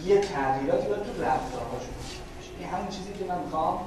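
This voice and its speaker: A man giving a slow, deliberate classroom lecture, explaining step by step and acting out everyday dialogue. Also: high voice, expressive. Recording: echoey room, mic far off, background noise.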